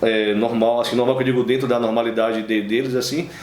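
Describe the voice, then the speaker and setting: Bahian male guest, rapid casual talk full of fillers, roomy recording with a faint hiss. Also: mid-range voice, flat delivery, a little mellow. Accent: Bahian Portuguese. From Brazil, Bahia. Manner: rambling anecdotes with many fillers and restarts. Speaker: interview guest, singer. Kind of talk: casual interview chat.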